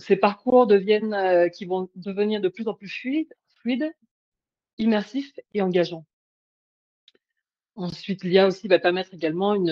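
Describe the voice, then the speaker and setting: A woman's voice: on the low side, warm tone, no room sound. Hesitant woman presenting a webinar. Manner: hesitant, many fillers and restarts. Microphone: video call. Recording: dull lo-fi call audio.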